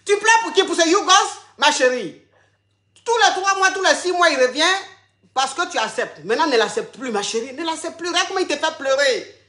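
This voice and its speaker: A woman's voice: high-pitched, animated, fairly quick, fairly bright tone, reverberant. A woman playing a comic advice coach on a phone-in, flamboyant and teasing, calling everyone darling. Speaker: comic agony-aunt coach.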